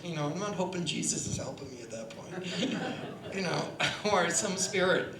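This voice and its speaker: In an echoey performance hall with steady background noise and crowd sounds, a woman with a lowish voice speaks at a normal pace. She's a singer and voice teacher on a panel, demonstrating breathing in a chatty, hands-on way and often asking "right?"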